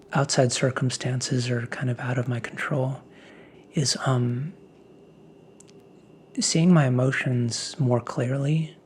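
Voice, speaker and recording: A man speaking in a soft, half-whispered ASMR pep talk, breathy and reflective, as if musing aloud. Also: medium pitch, slight background noise. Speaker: ASMR host.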